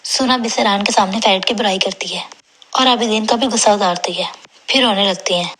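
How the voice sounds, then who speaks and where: Female recap narrator: bright, breathy edge, brisk plain retelling. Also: mid-range voice. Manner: brisk storytelling, reads characters' lines in her own plain voice. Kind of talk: retelling a TV drama episode.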